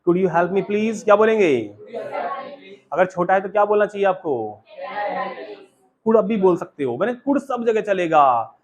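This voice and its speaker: A man's voice: sits high, very animated, moderate pace, long pauses. A man teaching spoken English in a classroom with an Indian English accent, mixing Hindi and English and repeatedly quizzing his students. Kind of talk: classroom lecture.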